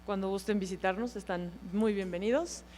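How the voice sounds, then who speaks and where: A woman's voice: mid-range voice, normal speed, darkish tone, a little hiss or hum. Woman hotelier in an echoing hall. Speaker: hotel owner panelist. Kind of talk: panel introduction.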